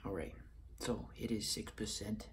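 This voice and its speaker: A man's voice: lowish voice, unhurried, a little hiss or hum. A man in his thirties with a Boston accent, giving a casual beer review and partly reading aloud in a room at home.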